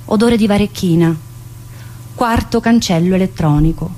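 With background noise present, a writer and solo stage performer speaks at a moderate pace in a medium-pitched voice. Her dramatic monologue comes in clipped, declamatory bursts, like remembered phrases strung into a list, as she moves between different voices.

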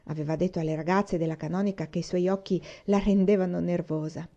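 Lady reading a story out loud, calm and even, mellow warm voice, kinda dull recording. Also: on the low side, fast talker. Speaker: audiobook reader. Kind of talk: novel reading.

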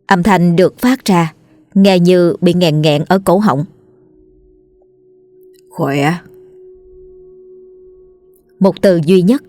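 A woman narrating a scripted horror story in a steady storytelling voice. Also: on the low side, dry recording. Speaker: audiobook narrator.

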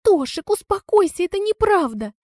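A woman reading an audiobook, voicing a shrill, scheming young woman who shrieks when her lies come out. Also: sing-song, normal speed, darkish tone, no room sound, studio quality. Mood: shrieking. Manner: shrieking, hysterical. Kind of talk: audiobook character voice.

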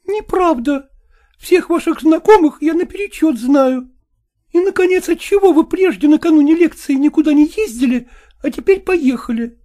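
A man's voice: very high voice, animated, normal speed, mellow, voice pushed up. A man voicing a jealous, tearful woman who presses her lover with reproachful questions, reading an audiobook.

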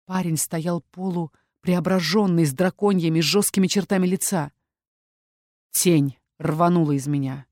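A woman narrating a first-person fantasy romance audiobook in a steady, intimate reading. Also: on the low side, a little slow, dry recording, clean studio sound.

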